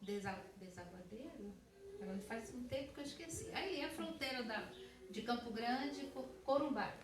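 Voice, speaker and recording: A woman's voice: fairly high pitch, expressive, moderate pace. A woman missionary with a Brazilian Portuguese accent giving a testimony sermon, talking conversationally and addressing the congregation directly. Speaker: missionary preacher. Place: church hall. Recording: echoey church hall, distant mic.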